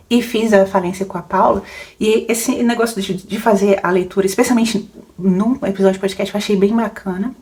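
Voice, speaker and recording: A young adult woman with a mid-range, slightly mellow voice hosts a book podcast. She rambles casually through questions in a Q&A chat, laughing often and using plenty of fillers.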